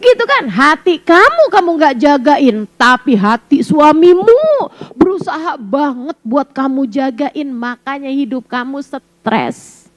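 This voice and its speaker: A woman preacher giving a casual sermon to women, lively and teasing, full of rhetorical questions. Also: sits high, slow pace, dry recording, rough recording. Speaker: Islamic preacher.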